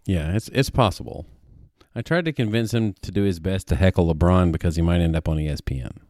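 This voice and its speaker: A man with a low, deep voice co-hosts a casual podcast. He talks with a dry, playful wit. The recording is close and dry, with no room echo. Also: fast, mellow. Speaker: podcast co-host.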